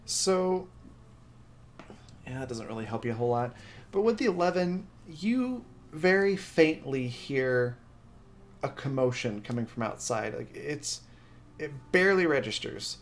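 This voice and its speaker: A man narrating as game master of a tabletop game, hesitant with many ums and quick to laugh. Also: mid-range voice, sing-song, slight background noise.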